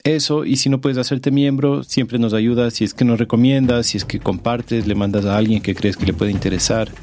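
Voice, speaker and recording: A man's voice: medium pitch, fairly even intonation, moderate pace, background noise. A man hosting a podcast, talking in a casual, enthusiastic and informal way. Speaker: podcast host.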